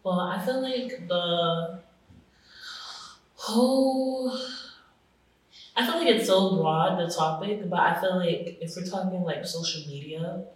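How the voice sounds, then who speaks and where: Animated young woman, roomy and distant. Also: on the low side, slow pace, pauses often. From Florida, raised in New York. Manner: animated, laughing, swears freely. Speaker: podcast co-host. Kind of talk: casual chat. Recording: roomy echo, distant mic.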